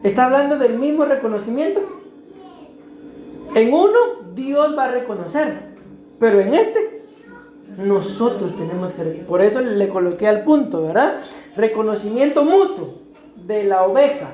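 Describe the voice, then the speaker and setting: A woman's voice: fairly high pitch, lively intonation, dark tone, a little hiss or hum. Costa Rican woman preaching in an echoey room. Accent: Costa Rican Spanish. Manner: explains slowly, asks the congregation questions. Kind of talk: sermon teaching.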